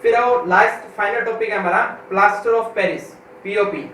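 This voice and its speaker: A man's voice: high voice, fairly bright tone. Male chemistry teacher in an echoey room. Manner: asks the class questions and answers them himself, slowly repeating key terms; reads English textbook lines slowly, word by word. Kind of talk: classroom lecture. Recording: echoey room from far off, with faint noise.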